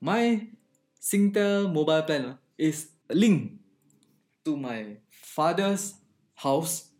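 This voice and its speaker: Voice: medium pitch, animated, slow, darkish tone. A podcast co-host with a Singaporean accent chatting casually in Singlish, with clipped grammar and sentence-ending particles like lah and ah. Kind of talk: casual bantering chat.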